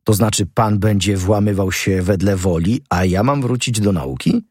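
A man's voice: on the low side, moderate pace, darkish tone, husky, no room sound. A man voicing a defiant, fervent young male student in an audiobook reading, speaking boldly and stubbornly. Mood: wary. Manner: bold, stubborn, rising with passion.

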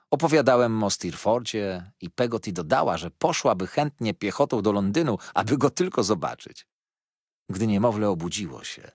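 Brief: male audiobook narrator, low-ish, husky, very animated delivery. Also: no room sound, studio quality. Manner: expressive, lively reading.

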